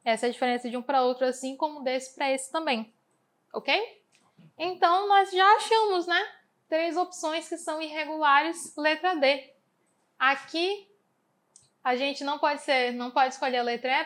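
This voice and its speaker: A woman's voice: high voice, a bit bright. A woman English teacher with a Brazilian Portuguese accent, explaining exam answers patiently and asking and answering her own questions.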